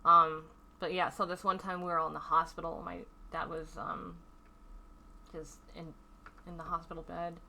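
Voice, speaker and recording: Her voice is fairly low, gravelly, pushed and bright, with a level tone and a moderate pace, over slight background noise. She's vlogging candidly about something painful that happened to her, upset and stressed. She sighs a lot, swears heavily and rambles with fillers.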